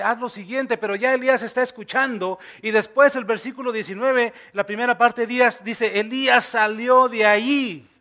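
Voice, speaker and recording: A male pastor preaching a sermon, dropping to soft near-whispers and then rising to loud, emphatic lines. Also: sits high. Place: church.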